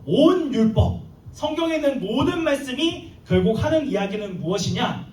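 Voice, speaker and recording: A man preaching a sermon to a youth group, talking in a lively way and acting out little scenes with comic asides. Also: extremely high pitch, moderate pace. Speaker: youth pastor. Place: church hall. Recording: echoey hall, mic at a distance.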